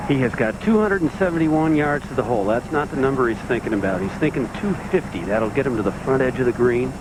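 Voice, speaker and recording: A man's voice: medium pitch, lively intonation, fast. A man giving confident, explanatory golf commentary from out on the course. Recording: clear outdoor noise on the course.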